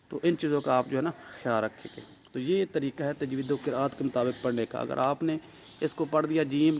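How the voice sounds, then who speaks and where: There's a little hiss or hum behind this medium-pitched man as he teaches tajweed with a Pakistani Urdu accent. His recorded explanation proceeds step by step, with carefully drawn-out letter sounds and regular "ٹھیک ہے" check-ins.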